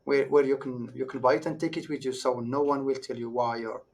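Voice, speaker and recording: A man's voice: medium pitch, fairly even intonation, fairly quick. A man with a Moroccan, North African accent answers questions as a local guest in a casual live Q&A, often repeating words as he explains.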